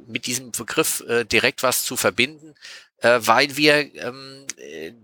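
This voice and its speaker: A man on a podcast explaining taste science in a patient, lecturing way, often pausing with hesitation sounds. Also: mid-range voice, very animated, bright, forceful tone, dry recording. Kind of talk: casual explanatory podcast talk.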